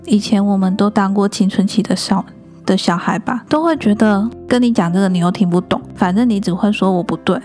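A woman in her thirties hosting a podcast, talking calmly and gently about raising children. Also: mid-range voice, brisk, soft background music. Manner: calm, gentle, reflective advice. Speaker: podcast host. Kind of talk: podcast monologue on parenting.

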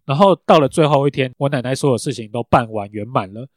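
A man, co-hosting a laid-back podcast. He speaks at a middle pitch in a dry, close recording, often tossing in quick joking remarks. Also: no echo. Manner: relaxed, quick joking interjections. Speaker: podcast co-host. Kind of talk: casual chat.

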